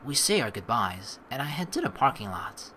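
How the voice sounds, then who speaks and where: With slight background noise behind him, a man of medium pitch speaks at normal speed into a close mic. He's a let's play streamer narrating casually, reading text aloud, joking in an animated way and swearing often.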